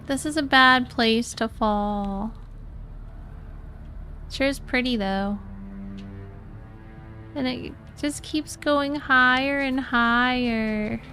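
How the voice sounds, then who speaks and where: An American woman from Florida streams live gameplay, chatting casually with viewers, greeting and thanking them. Her high, sharp voice moves very slowly with frequent pauses, and faint music plays behind.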